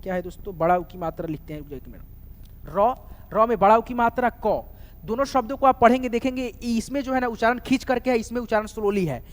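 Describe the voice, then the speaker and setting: A man's voice: high voice, quick pace. A man giving a spoken lesson on writing names, spelling words out letter by letter and often checking back with his students. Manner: keeps saying "doston" and "theek hai", spells words out letter by letter. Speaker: English teacher. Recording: reverberant room recording.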